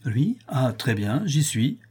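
A man's voice: mid-range voice, big pitch swings, takes it slowly, darkish tone, husky, exaggerated voice. A man voicing Richard, a lazy, nonchalant young charmer, in a raised, airy voice. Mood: nonchalant gallant.

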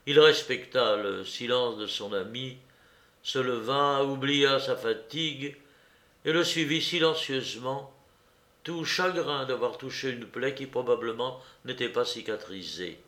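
A man narrating a classic novel as an audiobook, reading in a measured, expressive way. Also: medium pitch, reverberant.

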